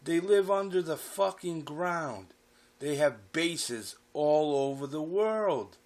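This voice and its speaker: A man voicing his drunk, furious middle-aged father, ranting and swearing loudly. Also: on the high side, lively intonation, takes it slowly. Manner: shouting, profane.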